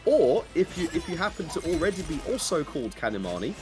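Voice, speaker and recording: A man's voice: on the high side, sing-song, fast talker, over music. A man giving color commentary on a fighting game match, wry and joking, full of technical analysis.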